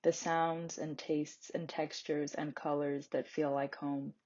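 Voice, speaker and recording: A woman narrates in a measured, poetic spoken-word style. Her voice sits low and stays even, with little rise and fall. The recording sounds slightly muffled.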